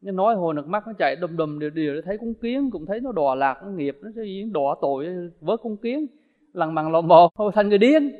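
A man preaches a Buddhist dharma talk, his voice pitched high. He is animated and slips into little acted-out dialogues. The sound is dull and lo-fi, with a long echo hanging in a hall. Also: fast talker. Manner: animated, acts out everyday dialogues. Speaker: Buddhist monk teacher.

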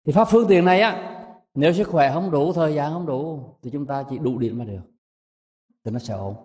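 A man giving a measured, emphatic dharma talk to a monastic assembly, rising high to stress his points. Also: a little mellow, in a large hall. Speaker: Buddhist monk teacher.

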